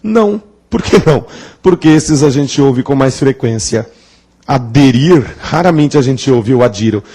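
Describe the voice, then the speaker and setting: A man's voice: medium pitch, lively intonation, a little slow, dark tone, husky. A man teaching a grammar lesson at a classroom blackboard, playful, asking the class questions and drawing out words for emphasis. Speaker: Portuguese teacher.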